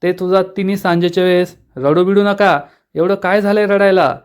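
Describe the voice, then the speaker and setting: A man voicing a sharp-tongued, grumbling old grandmother who scolds and taunts, in a serial recap. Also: high voice, steady tone, brisk, smooth, voice pushed up, lightly acted. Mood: scolding.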